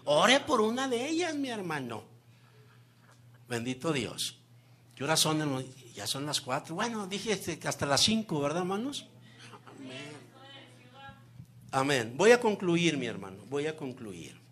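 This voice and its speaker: A male preacher delivers a sermon in a bright, tense voice with a touch of huskiness. He swoops widely in pitch, pressing hard on key words and then falling to soft near-whispers. He keeps turning to the congregation as brother. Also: unhurried, pauses often, husky. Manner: lively preaching with frequent "mi hermano" asides; swings between loud emphasis and soft near-whispers.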